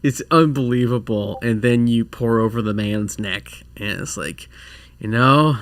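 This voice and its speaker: A man narrating as game master of a casual tabletop game, in an animated, rambling way. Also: mid-range voice, measured pace, slight background noise.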